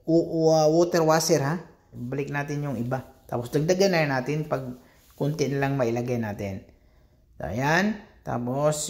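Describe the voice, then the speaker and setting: A man from the Philippines, a regular vlogger, talking casually as he walks viewers through body repairs in an auto shop and keeps addressing them as countrymen. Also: fairly high pitch.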